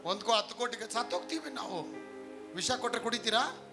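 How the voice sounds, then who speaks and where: A man's voice: extremely high pitch, expressive, a little fast, creaky, music in the background. A male pastor preaching a live sermon, emphatic, often asking the congregation questions.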